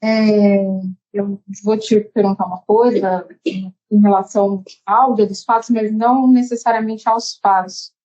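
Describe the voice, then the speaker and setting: Woman asking calm formal court questions. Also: medium pitch, measured pace, highs cut off.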